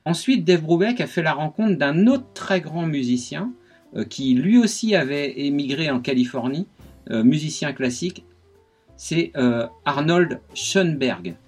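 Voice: medium pitch, lively intonation, measured pace, darkish tone, slightly rough, soft background music. A radio guest explaining jazz rhythms, speaking patiently with many hesitations and counting beats aloud.

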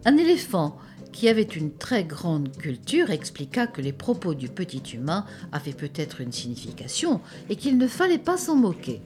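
A woman reading a children's story aloud in an expressive, dramatic way. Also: fairly low pitch, normal speed, faint music behind.

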